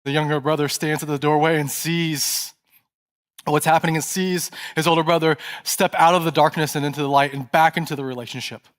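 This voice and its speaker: A male pastor preaching a sermon in a church, telling a story and dropping to a soft, hushed voice at tense moments. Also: fairly high pitch, fairly even intonation, a little fast.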